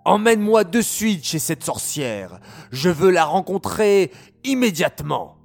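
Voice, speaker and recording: A desperate old king wails and commands in a sing-song, lamenting voice, as a man puts him on for a children's story. The voice sits high and gravelly, in slow, drawn-out phrases. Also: very animated, soft background music, full character voice. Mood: commanding.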